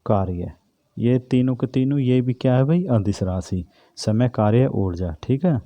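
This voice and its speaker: A man's voice: medium pitch, a little slow, dark tone, no room sound. A man teaching an exam-prep physics lesson, who keeps asking questions and answering them himself. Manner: repetitive, asks and answers own questions.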